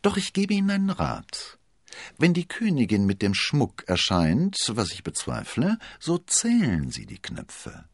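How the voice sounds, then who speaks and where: A man's voice: medium pitch, wildly swooping pitch, no room sound, clean studio sound, voice pushed up, heavily acted. A man doing a sly, stammering cardinal. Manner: oily, halting with fillers. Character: scheming sly male cardinal, stammering when cornered.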